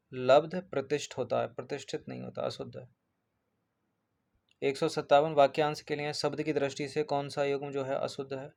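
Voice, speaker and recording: Brief: male exam coach, monotone delivery, walks through answers item by item and repeats them. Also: fairly high pitch. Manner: explains point by point, repeats answers, checks in with 'ठीक है'. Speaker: exam prep teacher. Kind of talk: exam paper walkthrough.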